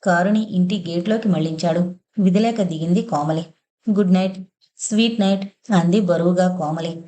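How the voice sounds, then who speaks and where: A woman narrating a novel in an even storytelling voice. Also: on the low side. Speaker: audiobook narrator.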